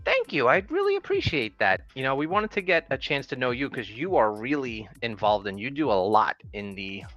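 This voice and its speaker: A man's voice: medium pitch, very animated, normal speed, a bit bright, faint music behind. A man with a New York accent hosting a casual livestream interview over a video call, upbeat and joking. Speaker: host.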